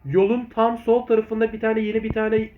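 High-voiced man rambling casually. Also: level tone, phone-quality sound, a little hiss or hum. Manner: rambling, repetitive, halting phrasing. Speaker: video channel host. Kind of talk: informal vlog commentary on own videos.

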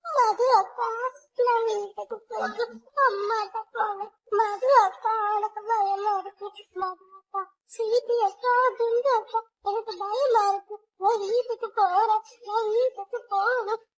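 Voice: very high-pitched, fairly even intonation, normal speed, darkish tone, muffled recording. A girl voicing a frightened little girl who whimpers and pleads to go home. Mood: scared.

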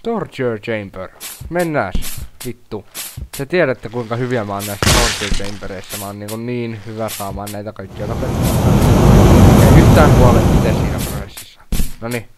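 A young man giving loud, profane let's-play commentary, shouting at the game and laughing at his failures. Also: mid-range voice. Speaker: gaming YouTuber.

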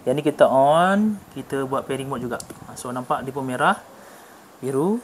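His mid-range voice is animated and moves at a normal speed as he shows off motorcycle gear hands-on. The reviewer has a Malaysian accent, uses English tech terms casually, and is recorded in an obviously noisy room.

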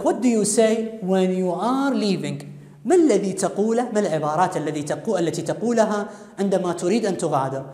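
Fast-talking Iraqi teacher, echoey room. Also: male voice, high-pitched, darkish tone. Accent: Iraqi Arabic. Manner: explains step by step, quizzing students aloud. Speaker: English teacher. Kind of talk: recorded video lesson. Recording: echoey room with long reverb.

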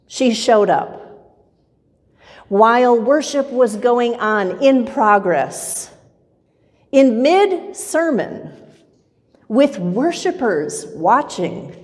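A middle-aged woman pastor preaching a sermon from a pulpit in a church, in a measured, rhythmic style with much repetition. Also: fairly high pitch, a little mellow. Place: church sanctuary with pipe organ, far camera. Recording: long church reverb.

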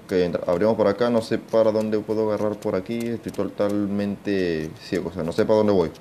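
A young man giving casual gameplay commentary, excitable, swearing often and talking to himself. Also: lowish voice, fairly quick, a little hiss or hum. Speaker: gaming channel host.

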